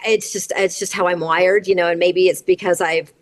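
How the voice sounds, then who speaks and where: A woman's voice: on the low side, fairly even intonation, moderate pace. A woman in her forties, an interview guest and parent, speaking candidly and at length about her family. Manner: earnest, candid, recounting at length. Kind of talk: conversational interview storytelling.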